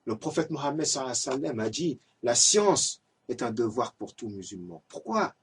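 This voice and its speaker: A man's voice: medium pitch, lively intonation, brisk, distant mic, slight background noise. A man giving an earnest, exhorting religious reminder in an amateur home video. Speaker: lay preacher.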